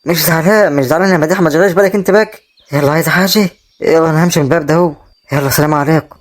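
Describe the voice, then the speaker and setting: Speaking very fast in a natural, higher-leaning voice, an Egyptian-accented actor portrays a kind, proud brother now poor and homeless. Reassuring throughout, he waves away worry and keeps telling his sister not to fret, in a web drama.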